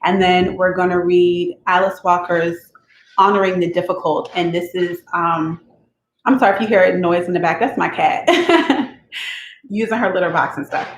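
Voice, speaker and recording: A woman's voice: lowish voice, moderate pace. A woman hosting a book-reading channel, talking casually and emotionally at home and tagging her sentences with "okay?". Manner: chatty, tags sentences with "okay?"; emotional, openly expects to cry. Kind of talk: casual chat before reading aloud. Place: at home with her cat nearby. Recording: echoey room, faint noise.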